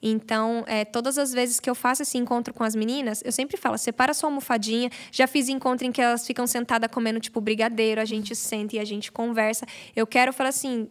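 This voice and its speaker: A young woman, a podcast guest, telling a personal faith testimony in an animated, storytelling way. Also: a little high. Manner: animated storyteller, acts out quoted prayers. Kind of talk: casual testimony chat.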